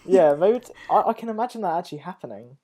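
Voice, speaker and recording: A man's voice: sits high, animated, quick pace, dark tone, a little hiss or hum. A man hosting a casual interview, often stumbling and repeating his words. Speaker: host.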